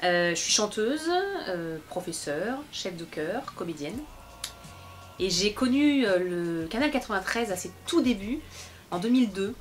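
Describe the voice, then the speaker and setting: A woman's voice: medium pitch, expressive, a little slow, soft background music. A woman in a TV studio interview, talking through her career in a chatty, self-mocking way with frequent hesitations. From Bobigny, France. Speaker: interviewee, singer and actress. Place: local TV studio.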